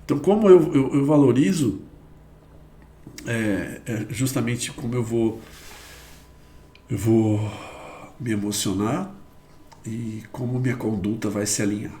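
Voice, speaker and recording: A man's voice: mid-range voice, measured pace, pauses often, mellow, echoey room, a little hiss or hum. A man with a Brazilian Portuguese accent gives a live church teaching on addiction recovery. He explains step by step, repeats his points and drops in exclamations.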